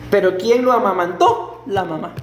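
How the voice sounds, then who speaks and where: Pastor, man, high voice, lively sermon delivery, echoey church hall. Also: moderate pace. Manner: animated preaching, rhetorical questions to the congregation; acts out quoted voices and a stutter. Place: church sanctuary.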